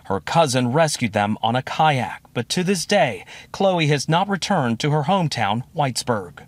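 A man's voice: medium pitch, expressive, moderate pace, no room sound. A man working as a news correspondent, narrating a scripted report.

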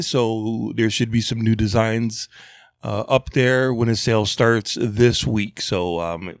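A man's voice: mid-range voice, no room sound, clean studio sound. A man co-hosting a casual podcast in a laid-back, easygoing way. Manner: laid-back, relaxed plugging. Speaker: podcast co-host. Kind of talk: casual chat.

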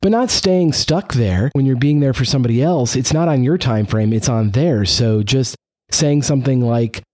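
Calm mellow-voiced male host. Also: medium pitch, moderate pace, no echo, studio quality. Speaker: podcast host. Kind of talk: casual podcast chat.

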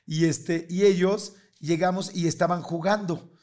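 A middle-aged Mexican man telling a casual, lively anecdote, laughing often and acting out the other people's voices. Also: sits high, measured pace. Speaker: guest telling a story.

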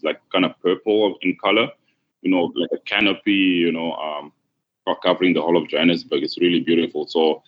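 Very deep-voiced man from Congo. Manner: relaxed, unhurried, with many fillers. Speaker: guest. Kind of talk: casual interview. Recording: dull lo-fi sound.

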